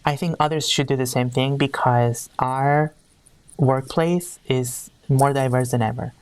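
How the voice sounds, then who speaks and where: Earnest and searching, a Peruvian woman who works as an HR executive restarts her sentences often while guesting on a conversational interview. Her voice rumbles low, steady and unhurried, a little mellow with a clean tone, and the recording is dry.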